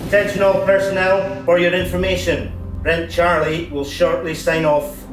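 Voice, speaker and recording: A man's voice comes over a public address loudspeaker, sitting high and held nearly level as he announces. It rings through an echoey space and reaches the mic from far off. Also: level tone, moderate pace, soft background music. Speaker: platform tannoy announcer. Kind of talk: formal safety announcement. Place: offshore platform, over the PA system.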